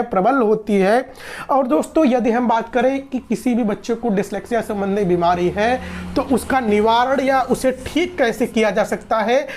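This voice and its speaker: A woman's voice: a little high, darkish tone. A woman gives an exam-prep lesson in a slightly raised voice. She explains step by step, restating each point and posing questions she answers herself. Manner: explanatory, repeats and rephrases, asks and answers own questions. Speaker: teacher.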